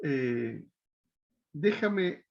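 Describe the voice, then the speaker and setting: A man teaching a biblical counseling class in an unhurried, deliberate way. He calls himself sarcastic and checks in with his students after nearly every point. His voice comes through a little dull and muffled. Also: a little high, gravelly. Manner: self-described sarcastic, keeps tagging "¿ya?". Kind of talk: online class lecture.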